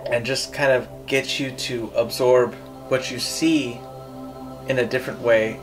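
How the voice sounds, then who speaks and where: A man in a casual film review chat, meandering and halting, with some swearing. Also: mid-range voice, fairly even intonation, music in the background. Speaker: film review show co-host.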